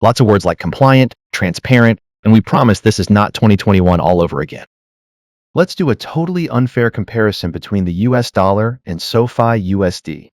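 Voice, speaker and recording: A man's voice: fairly low pitch, lively intonation, fairly quick, darkish tone, no room sound. Man as dry-sounding parody news anchor. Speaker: host of a weekly fintech parody news show.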